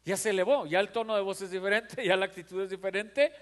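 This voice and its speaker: A man's voice: high voice, quick pace, fairly bright tone. A man preaching a sermon as pastor, fervent and repetitive, acting out voices in his stories. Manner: fervent, repeats phrases for emphasis. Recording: long hall reverb.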